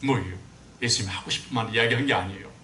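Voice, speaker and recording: A man preaching a sermon as a pastor, telling stories with animated swings and climbing high when he quotes people. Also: racing, a little hiss or hum. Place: church sanctuary. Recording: echoey church room, mic at a distance.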